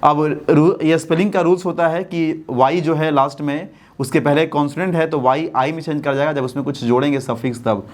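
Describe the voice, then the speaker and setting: A man teaching a basic English grammar class. He asks the class questions and then answers them himself, and he slows right down to dictate when he spells words out. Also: fairly high pitch, fairly even intonation. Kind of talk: classroom-style lesson explanation.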